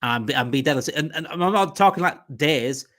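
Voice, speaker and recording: This livestream host speaks briskly in a fairly high, expressive, slightly bright voice with a Yorkshire accent. Running a casual live fan stream, he rambles and repeats himself while reading out what viewers write.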